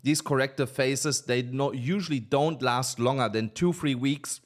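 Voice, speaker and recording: Guy going over crypto charts, lots of ums and uhs, kinda tired and under the weather, mid-pitch voice. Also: unhurried. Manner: hesitant, many fillers, slightly non-native phrasing. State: a little unwell, low on energy. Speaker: crypto market analyst host. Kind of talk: casual chart analysis talk.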